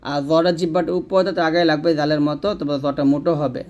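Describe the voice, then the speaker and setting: A man teaching Quran pronunciation, who drills letter sounds slowly and then explains quickly. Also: a little high, fairly even intonation, darkish tone, highs cut off. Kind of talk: pronunciation lesson.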